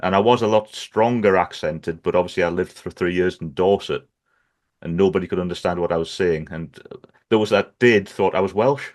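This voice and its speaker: A man with a low voice and a Gateshead accent from England's North East hosts a podcast. He talks in a casual, conversational style. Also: moderate pace, a little mellow. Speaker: podcast host. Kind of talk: casual chat.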